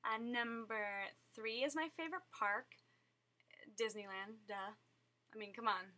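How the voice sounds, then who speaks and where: Casual young woman vlogger from SoCal, giggly filler-heavy chat, bright, slightly high voice. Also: measured pace. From Southern California. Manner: chatty, giggly, lots of fillers.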